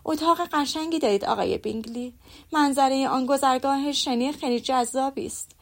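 A woman reading an audiobook, voicing a fussy, boastful middle-aged mother who gushes and prattles. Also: high-pitched. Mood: gushing. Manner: gushing and prattling.

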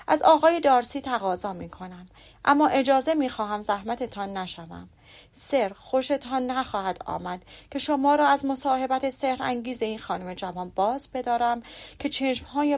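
A woman reading the lines of an effusive older gentleman who talks in florid, flattering phrases. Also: on the high side, gravelly.

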